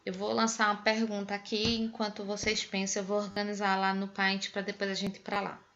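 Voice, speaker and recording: A woman with a Pernambuco Brazilian accent teaches math over a video call, patiently counting through each example step by step. Her voice sits in a middle pitch range. The online class audio is dull and lo-fi. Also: monotone, brisk, a bit bright, slight background noise. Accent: Pernambuco Brazilian Portuguese. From Northeast Brazil.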